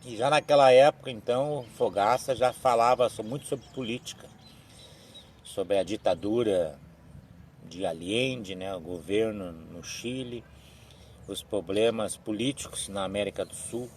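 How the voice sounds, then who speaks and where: A man, giving a slow, halting religious reflection on a live stream, with frequent restarts and tag questions. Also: lowish voice, a little hiss or hum. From southern Brazil. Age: 60s. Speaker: evangelical live-stream speaker.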